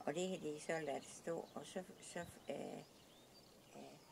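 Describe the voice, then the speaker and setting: An older woman with a South Jutlandic Danish accent, telling stories from her youth in a hesitant, halting way with many restarts. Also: sits low, creaky, fairly bright tone, a little hiss or hum. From Southern Jutland, Denmark. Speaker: interviewee recalling her youth. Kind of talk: casual oral-history storytelling.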